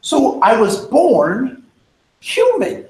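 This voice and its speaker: Very high-pitched and darkish, his voice swoops wildly and moves extremely slowly. The American man is giving a casual, digressive diversity training talk, often tossing in "um" and "right?". It's recorded in an echoey training room with faint background noise.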